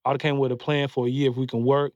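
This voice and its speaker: Speaking fast in a level, darkish mid-range voice, a man in his forties offers earnest podcast advice in a loose, filler-heavy style with many restarts. No room sound is present, and the dry audio is dull and a little muffled.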